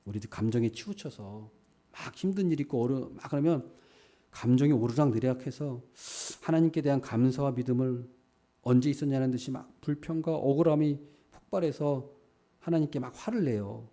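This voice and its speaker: Mellow-voiced man preaching a sermon. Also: mid-range voice, brisk. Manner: animated preaching, acts out quoted dialogue, rhetorical questions. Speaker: pastor.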